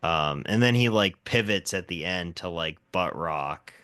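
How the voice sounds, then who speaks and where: A man's voice: low voice, lively intonation, measured pace, bright, forceful tone, smooth, no room sound, studio quality. A man co-hosting a podcast, chatting casually about films and hesitating often with "uh" and "like". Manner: hesitant, filler-heavy, with many "uh"s and "like"s. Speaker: podcast co-host. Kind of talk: casual film discussion.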